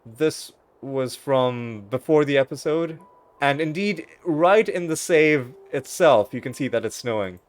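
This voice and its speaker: A man's voice: mid-range voice, expressive, measured pace. Man with wry, rambling gameplay commentary. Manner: wry, rambling, self-correcting asides. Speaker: let's play host.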